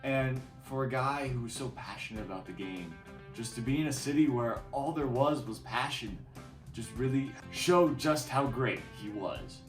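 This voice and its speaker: A man's voice: mid-range voice, moderate pace, faint music behind. A male host giving scripted narration. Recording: echoey room, distant mic.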